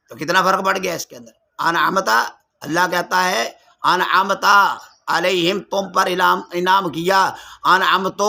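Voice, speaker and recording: A man's voice: sits high, gravelly, sharp tone. A man from Pakistan teaching Quran commentary, explaining Arabic pronunciation, reciting verses and dropping English words into his talk. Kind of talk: Quran commentary lesson ending in prayer.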